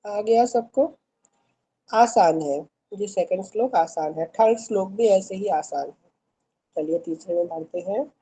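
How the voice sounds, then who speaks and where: A woman's voice: mid-range voice, measured pace, mellow, a little hiss or hum, poor audio. A woman teaching an online Sanskrit class, patiently reciting verses syllable by syllable and encouraging her students. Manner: encouraging and reassuring.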